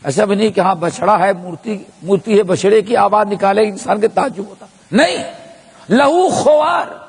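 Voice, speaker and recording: A man's voice: sits high, creaky, breathy edge. A man giving a sermon of Quran commentary, telling a story and putting rhetorical questions to the listeners. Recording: long echo of a large hall.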